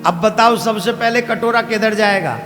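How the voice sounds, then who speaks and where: A male preacher telling a devotional story in a sermon, animated and quizzing his audience. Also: sits high, normal speed. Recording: reverberant hall with faint music.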